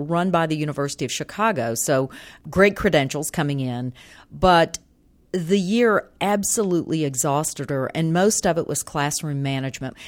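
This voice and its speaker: Deep-voiced woman host, asks calm, thoughtful questions. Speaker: interviewer. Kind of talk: interview questions.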